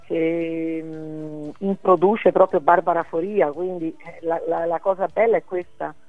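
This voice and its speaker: A hoarse woman comedian talking by phone on a radio show, chatty and joking. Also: deep voice, steady tone, a little slow, no room sound, phone-quality sound, faint music behind. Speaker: comedian guest.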